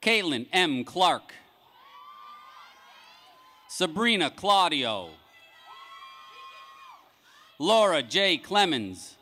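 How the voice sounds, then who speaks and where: Male ceremony announcer, bright, fairly high voice, formal measured name-reading over an outdoor PA. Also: big pitch swings, a faint crowd. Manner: measured, announcing each name with a rising then falling cadence. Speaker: commencement name reader. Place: large outdoor graduation ceremony.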